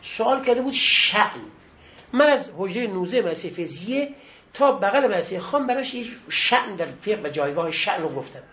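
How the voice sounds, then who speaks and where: A man's voice: high-pitched, expressive. A middle-aged man, a seminary teacher, lecturing a class in a conversational, reminiscing way and giving encouragement. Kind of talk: lecture with personal anecdotes. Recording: dull lo-fi recording with faint hiss.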